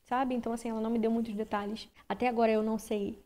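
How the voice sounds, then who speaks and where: Brazilian woman, mellow candid storytelling. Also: fairly high pitch, flat delivery, racing. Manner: candid, conversational, with many restarts. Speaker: vlogger. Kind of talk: personal storytelling vlog.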